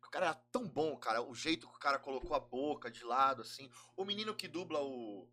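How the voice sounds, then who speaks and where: A man's voice: medium pitch, lively intonation, quick pace, sharp tone, slight background noise. A Brazilian man with a Brazilian Portuguese accent, a podcast guest chatting casually and explaining things at length with enthusiasm.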